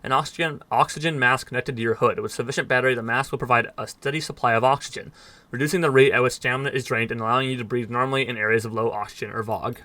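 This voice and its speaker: A man's voice: medium pitch, fairly even intonation, rapid-fire, bright, forceful tone. A man reading in-game text aloud at speed, stumbling over words now and then and dropping dry asides. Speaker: gaming let's player.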